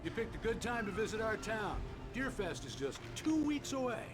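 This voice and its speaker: A man's voice: high voice, sing-song, moderate pace, over music. A man playing a courteous old small-town radio host in a video game, speaking politely and a little formally. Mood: friendly, courteous. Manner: polite, genteel, slightly formal. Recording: loud outdoor vehicle noise behind.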